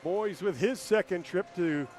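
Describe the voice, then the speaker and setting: A man calling hockey play-by-play in a rapid running call, rising to shouts on scoring chances. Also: high voice, soft background music. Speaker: play-by-play announcer.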